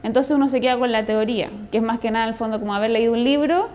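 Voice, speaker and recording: A woman's voice: fairly high pitch, racing, darkish tone, a little hiss or hum. A woman dentist from Chile with a Chilean accent, speaking in a testimonial interview in an earnest, explanatory, conversational way.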